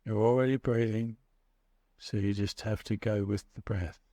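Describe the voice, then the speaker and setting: A man narrating a guided meditation as a guide, speaking in a measured, soothing way with pauses between short phrases. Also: on the low side, fairly even intonation, mellow, no room sound.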